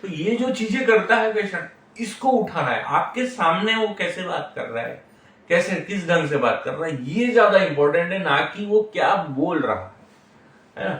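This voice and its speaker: A man's voice: high voice, animated, moderate pace, fairly bright tone. A middle-aged man, a homeopathic doctor giving an explanatory lecture on case taking and often tagging his points with questions. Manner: explains with frequent tag questions. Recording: very echoey room, mic far off.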